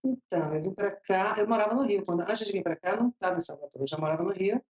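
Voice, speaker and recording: This interview guest, a woman in her fifties from Bahia, has an animated, mid-range voice with a darkish tone. Chatty and quick to laugh, she tells her story in a Bahian accent, drawing out slow phrases.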